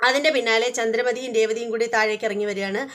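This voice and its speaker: A woman's voice: a little high, fairly even intonation, fast talker, a bit bright. A woman hosting a serial review channel, retelling an episode in a chatty, repetitive, casual way.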